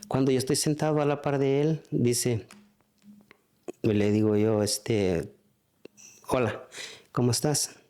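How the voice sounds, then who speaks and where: A man giving a spoken church testimony, halting, with frequent restarts and fillers. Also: medium pitch, level tone, warm tone, smooth.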